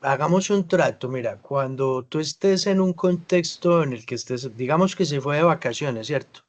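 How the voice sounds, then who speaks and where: A man teaching an English class over a video call, explaining patiently and slowly modeling English words. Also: a little high. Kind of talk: online class feedback.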